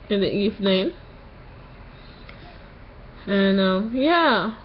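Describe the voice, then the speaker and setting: A woman in her late twenties giving a casual personal update in a halting way, a little tired and recovering from tonsil surgery that morning. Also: mid-range voice, lo-fi sound, a little hiss or hum. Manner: slow, halting delivery with long pauses. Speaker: vlogger.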